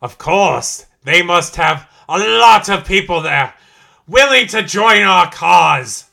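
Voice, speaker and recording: A haughty dark lord from another realm, as a man puts him on, pompous and theatrical. His voice sits a little high, with a gravelly rasp and a bright, hard edge. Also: expressive, slow pace, exaggerated voice. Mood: scheming.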